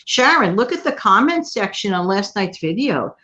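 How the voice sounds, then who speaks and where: A woman from New York City hosting a casual livestream chat, talking warmly and at length to her viewers and co-host. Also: medium pitch, big pitch swings, moderate pace. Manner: chatty, warm thanks to viewers and co-host. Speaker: channel host.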